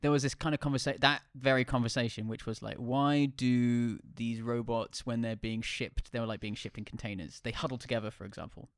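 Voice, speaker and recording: Relaxed man chatting on a podcast. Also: mid-range voice, fairly quick, few pauses, dry recording, studio quality. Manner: easygoing, laughs often, drops to quiet mutters. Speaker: podcast co-host and filmmaker. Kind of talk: casual chat.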